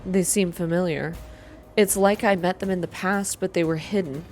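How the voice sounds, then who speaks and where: Soft music plays behind a woman with a lowish, steady, darkish voice speaking at normal speed. She runs a video game reading channel, offering ASMR narration and casual updates to her viewers.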